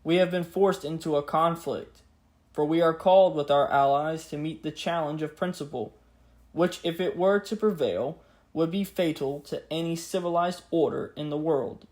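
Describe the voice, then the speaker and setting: A man giving a scripted history narration in a grave, measured, earnest way, as a podcast host. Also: on the high side, a little mellow. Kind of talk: scripted history narration with a solemn read-out speech.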